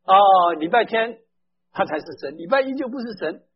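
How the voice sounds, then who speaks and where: A male preacher delivering a sermon with a strikingly high, husky voice. He talks with emphasis, keeps turning to his listeners with direct questions and slips English phrases into his speech. The recording sounds dull and lo-fi. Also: lively intonation, normal speed.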